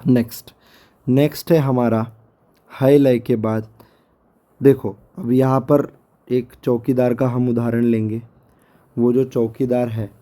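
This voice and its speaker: A hoarse man with a sore throat, giving a patient lecture over a screen recording and repeating syllables slowly to drill them. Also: mid-range voice, warm tone. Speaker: teacher.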